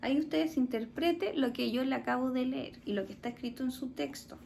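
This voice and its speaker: Chilean lady teacher, high voice, slow patient explaining to kids, bit of background noise. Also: gravelly, mellow. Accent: Chilean Spanish. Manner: patient, explaining step by step with questions to pupils. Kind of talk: recorded remote class for children.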